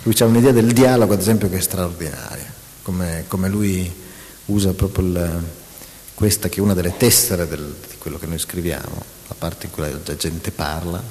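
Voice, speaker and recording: A man's voice: deep voice, moderate pace, a little mellow. A man, a writer, talking animatedly about writing, often restarting and reading out mock passages. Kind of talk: public talk with an interviewer. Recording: echoey hall reverb.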